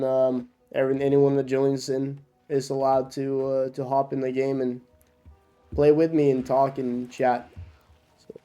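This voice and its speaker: While gaming on stream, a sick young Norwegian with a cough makes loose conversation with viewers, restarting often and leaning on fillers. He has a mellow, mid-range voice.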